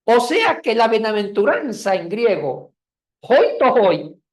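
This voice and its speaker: A woman leads a Bible lesson in a classroom. Her pitch jumps around a lot as she explains and jokes with the students. The room is echoey. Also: slow, far from the mic. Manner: lively, calls on students by name, jokes. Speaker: Bible teacher.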